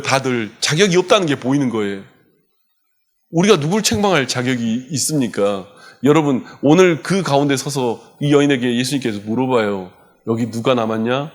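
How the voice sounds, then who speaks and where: A male pastor preaching a sermon in a church, with impassioned delivery that swings from loud urgency to hushed softness. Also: a little high. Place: church sanctuary.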